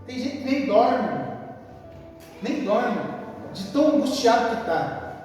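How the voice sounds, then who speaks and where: A man's voice: extremely high pitch, expressive, slow pace, a little mellow. A man preaching a sermon in a church, emphatic and repetitive, calling his listeners brother. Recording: echoey hall from far off, music behind.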